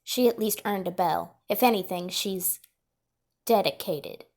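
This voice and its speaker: A woman voicing a sullen, reluctant teenage boy ninja who speaks slowly and grudgingly in a fan story reading. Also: medium pitch, a little mellow, voice pushed down.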